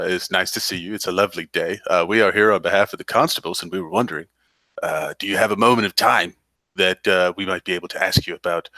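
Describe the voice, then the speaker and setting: Man doing a deep, pompous, bumbling detective. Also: creaky, pushed and bright, no echo, exaggerated voice. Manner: halting, overly courteous, self-important. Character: pompous, bumbling veteran male police detective.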